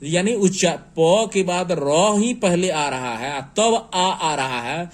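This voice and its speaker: Male teacher, fairly high voice, unhurried spelling-lesson delivery. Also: expressive. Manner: slow, patient, spells words letter by letter. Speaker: English teacher.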